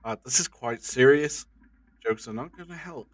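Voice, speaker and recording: A man's voice: medium pitch, normal speed, dry recording, natural voice. A man playing a brainy, earnest time-travelling adventurer in an audio drama, with a theatrical manner. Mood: grave.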